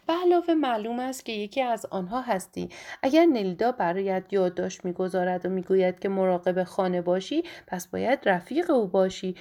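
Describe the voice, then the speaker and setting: A woman's voice: medium pitch, darkish tone, close to an everyday voice. A woman voicing an old male house caretaker who talks bluntly and defensively in a read story.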